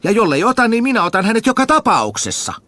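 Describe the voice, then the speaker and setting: A man voicing a simple, cheerful peasant boy who shouts with glee about his finds. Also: high voice, dry recording, voice pushed up, full character voice. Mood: gleeful. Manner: shouting, gleeful, excited.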